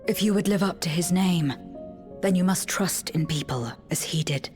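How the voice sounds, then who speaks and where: A woman voicing a solemn, stoic young warrior in a video game, with a measured and grave delivery. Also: lowish voice, lightly acted. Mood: grave, resolute. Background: game music behind the voice.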